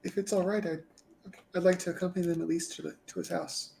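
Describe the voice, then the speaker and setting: A man voicing an earnest young woman villager in a tabletop game, speaking quickly. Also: high voice, flat delivery, vocal fry, darkish tone, slight background noise, pitched above the performer's own voice.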